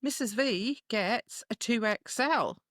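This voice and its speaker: A woman's voice: a little high, slow, no echo, clean studio sound. Laughing, chatty middle-aged woman host. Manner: chatty, laughs often, animated. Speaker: podcast co-host. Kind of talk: casual chat.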